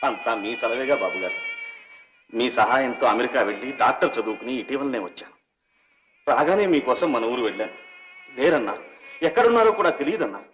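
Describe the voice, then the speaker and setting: A man's voice: mid-range voice, animated, a little fast, pauses often, a bit bright, slight background noise, natural voice. An actor playing a young doctor, a former servant's son, who speaks respectfully and earnestly to his old benefactor. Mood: earnest, devoted. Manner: respectful, earnest, emotional pleading. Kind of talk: 1960s Telugu film drama. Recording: dull old film soundtrack with music.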